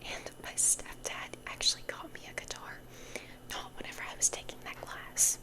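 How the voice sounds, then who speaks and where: A young adult woman, an ASMR content creator, whispers softly and breathily through an unboxing. She rambles, slowly repeats phrases, and over-explains in a chatty way.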